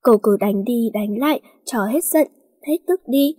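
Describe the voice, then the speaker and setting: A woman's voice: fairly high pitch, a little slow, warm tone, husky. A woman doing a pleading young man. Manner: earnest, pleading.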